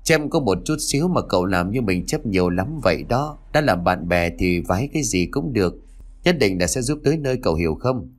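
A man's voice: lowish voice, lively intonation, a little fast. A man voicing a loyal, teasing male school friend in a read-aloud story.

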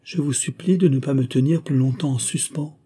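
A frightened young woman begs for news in a lifted, urgent voice, as a man reads her part. It is a storybook reading with a husky tone underneath. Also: mid-range voice, fairly quick, warm tone, pitched above the performer's own voice, close to an everyday voice. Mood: pleading. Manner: pleading, urgent.

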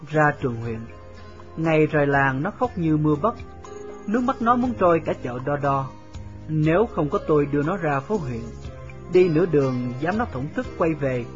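A man's voice: a little high, lo-fi sound. A man reading a first-person novel aloud in a wistful, reflective storytelling manner. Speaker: audiobook narrator.

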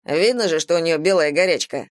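A woman's voice: low voice, fairly quick, dry recording, lightly acted. A woman reading an indignant, fussy young man.

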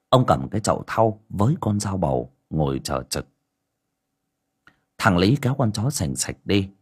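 A male storyteller reads an audiobook in a low, husky voice. His delivery is dramatic and expressive, with a lively rise and fall of pitch. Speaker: audiobook narrator. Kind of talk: storytelling narration.

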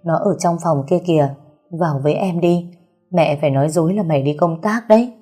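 A tearful middle-aged mother whose voice catches as she talks, as a woman reading a storybook puts her on. Her tone is low and mellow, with a husky edge, and faint music plays under the audiobook. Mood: relieved. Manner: choked, halting speech.

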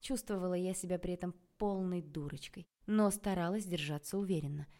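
A woman reading a first-person novel aloud in a wry, expressive way. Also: lowish voice, a little fast. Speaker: audiobook narrator.

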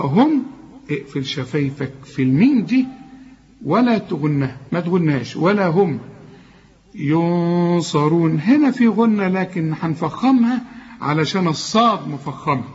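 A man with an Egyptian accent teaching Quran recitation. He draws words out slowly, corrects the learner directly, and explains in quick colloquial asides. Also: on the high side, a little mellow, highs cut off. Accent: Egyptian Arabic. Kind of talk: tajweed recitation lesson.

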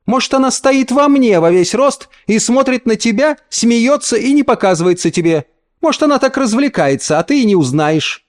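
A man voicing a cold, scornful mother who speaks in sharp, mocking retorts. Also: high voice, lively intonation, fairly quick, pitched above the performer's own voice.

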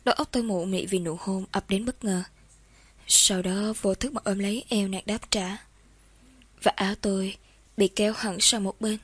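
A woman reading a novel aloud in the first person, in a calm, steady storytelling manner. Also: mid-range voice, normal speed, slightly rough, no room sound. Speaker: audiobook narrator.

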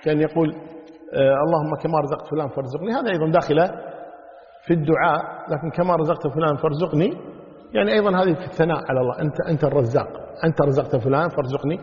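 A man's voice: a little high, rapid-fire. A middle-aged man teaching a religious lesson, telling stories in a colloquial way and checking that listeners follow. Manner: storytelling with colloquial asides, checks understanding. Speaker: religious teacher explaining a creed text. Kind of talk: recorded lecture, teaching a class. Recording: dull lo-fi lecture recording in a reverberant hall.

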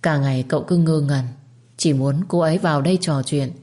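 A woman narrating a dramatic story in a steady, measured reading voice. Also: sits low. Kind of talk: scripted narration.

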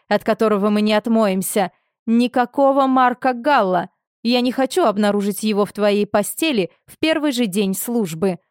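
A woman's voice: a little high, a little mellow, no room sound, studio quality, close to an everyday voice. A woman voicing a cold, commanding noble stepmother who hisses and barks her orders. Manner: hissing, commanding. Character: cold, imperious noble stepmother, cruel-tempered.

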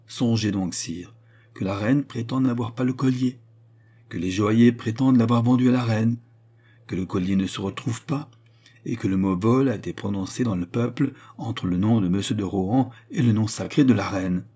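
A man's voice: fairly low pitch, moderate pace, warm tone, slightly rough. A man reading aloud as a solemn baron who respectfully but firmly presses his accusation before the king. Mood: insistent. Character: grave, deferential scheming minister, a baron. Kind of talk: audiobook character reading.

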